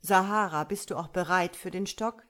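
A woman's voice: fairly low pitch, lively intonation, a little slow, a little mellow. A woman reading aloud and voicing a cruel male dwarf clown who speaks sternly and mockingly in a theatrical way.

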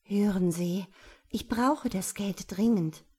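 A woman's voice: mid-range voice, slow pace, darkish tone, slightly rough. A woman voicing a desperate, angry woman demanding a loan, tense and insistent. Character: desperate, angry middle-aged woman borrower.

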